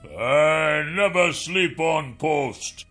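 A man doing a slow, dim-witted orc guard. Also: a little high, expressive, fairly bright tone, soft background music, pitched above the performer's own voice, full character voice. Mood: confused. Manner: slow, confused, gruff.

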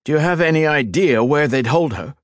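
An impatient young hero speaks up sharply and bluntly, a little higher than a plain reading voice, as a male narrator does him. The sound is dry and close to the mic. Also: sing-song, measured pace, a little mellow, dry recording. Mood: urgent. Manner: raised, urgent and curt.

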